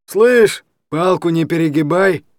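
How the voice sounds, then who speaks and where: Casting: man doing a rough, hungover ex-con drunk, high and lively when he begs or threatens, dry close sound. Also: unhurried, no echo. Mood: menacing. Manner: rough, whining then threatening. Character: hungover aggressive ex-convict man, pushy drunk.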